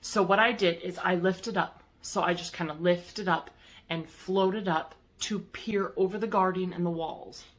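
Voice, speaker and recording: A woman casually recounting a personal spiritual experience to her viewers, rambling and halting with lots of fillers. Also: lowish voice, fairly even intonation. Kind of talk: casual first-person storytelling.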